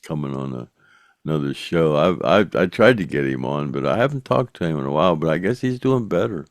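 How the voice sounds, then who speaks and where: A man talks in loose, rambling chat, stopping and restarting as he remembers. His voice sits very low and comes across dry and close, with no room sound around it. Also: expressive, no room sound. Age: 70s. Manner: rambling storyteller, halting restarts, chuckles. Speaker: podcast host. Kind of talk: casual chat.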